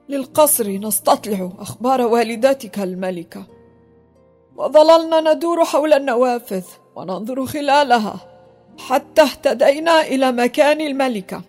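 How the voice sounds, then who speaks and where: Kindly old servant guy in a kids audio drama, high voice, music under it. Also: expressive, normal speed. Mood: breathless. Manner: fearful at first, later hushed and secretive.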